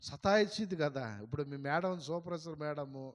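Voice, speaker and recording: Storytelling pastor. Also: male voice, on the high side, a little fast. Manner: lively storyteller who acts out dialogue. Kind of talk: storytelling sermon. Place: church hall. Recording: long hall reverb.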